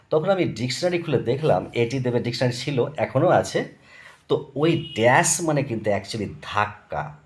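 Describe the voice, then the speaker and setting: A man, teaching a grammar lesson in a chatty, digressive way and repeating terms for emphasis. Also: mid-range voice. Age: 50s. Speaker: tutor. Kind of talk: spoken English grammar lesson.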